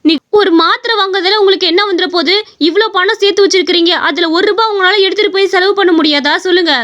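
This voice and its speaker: A woman voicing a devoted young wife, exasperated with her stingy husband, in an animated story. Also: sits high, fast, muffled recording. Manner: pleading, exasperated.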